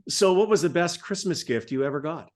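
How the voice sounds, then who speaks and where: A man's voice: fairly high pitch, expressive, a little fast, darkish tone. A male podcast host asking questions in a playful, joking way during a casual interview.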